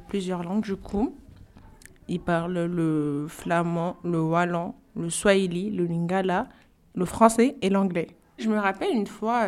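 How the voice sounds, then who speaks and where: Relaxed woman with a lowish voice. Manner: relaxed, with fillers. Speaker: student speaking about her mother tongue. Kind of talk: personal testimony.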